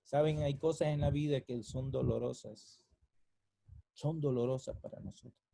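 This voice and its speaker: A man, preaching a sermon and telling his own story, swinging from soft, hushed lines to loud, impassioned peaks. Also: mid-range voice, steady tone, moderate pace, creaky, dry recording, low-quality recording. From Colombia. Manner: emotional, rising to near-shouting at climaxes then dropping soft. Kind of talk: sermon with personal testimony.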